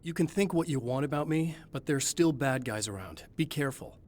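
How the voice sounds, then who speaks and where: In a game cutscene, an actor voices a weary but determined horror novelist, the male protagonist, with dry, matter-of-fact delivery. The wry performance is lightly acted, on the high side, a little fast and a little mellow, with lively intonation.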